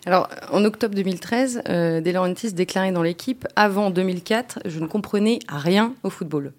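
A woman hosting a football podcast, introducing guests and topics in a clear, measured way. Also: medium pitch. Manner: clear, measured presenting with a few fillers. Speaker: podcast host. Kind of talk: scripted podcast introduction and moderation.

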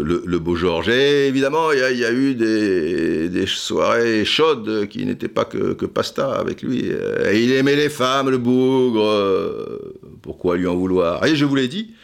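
A man's voice: mid-range voice, creaky. A man hosting a playful football history podcast, joking and theatrical, often stammering repeats. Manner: jokey, theatrical, stammering repeats, sings and hums asides. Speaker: podcast host.

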